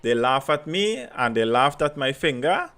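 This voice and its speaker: A man with a Trinidadian accent chatting casually and telling anecdotes in animated Creole, repeating phrases for emphasis. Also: medium pitch, moderate pace, a crowd in the background. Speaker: podcast host.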